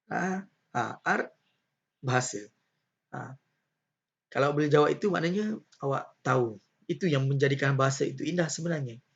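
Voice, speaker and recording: A man's voice: fairly high pitch, moderate pace, gravelly, pauses often, breathy edge. A male teacher with a Malaysian Malay accent giving a poetry lesson, patient and questioning, with many filler sounds. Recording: slightly dull lo-fi audio.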